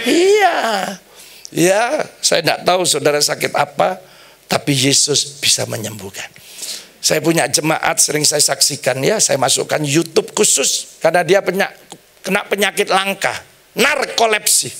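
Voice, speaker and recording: A middle-aged man preaching a sermon, telling stories with lively, acted-out voices. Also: high voice. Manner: animated storytelling preacher, acts out quoted voices. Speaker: pastor.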